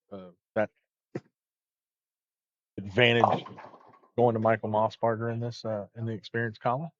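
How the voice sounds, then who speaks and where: Man calling a bowling stream, low voice. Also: a little mellow, no room sound. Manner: chatty, loose, with frequent fillers and restarts. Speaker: bowling tournament commentator. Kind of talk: live sports commentary. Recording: dull lo-fi stream audio.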